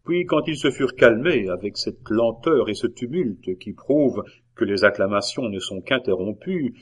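A man's voice: lowish voice, lively intonation, normal speed, husky. A man reading a classic historical novel as an audiobook narrator. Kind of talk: scripted narration.

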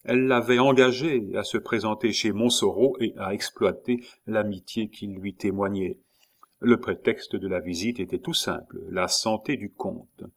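A man narrating a classic novel in a measured, expressive reading. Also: lowish voice. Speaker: audiobook narrator. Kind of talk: scripted literary narration.

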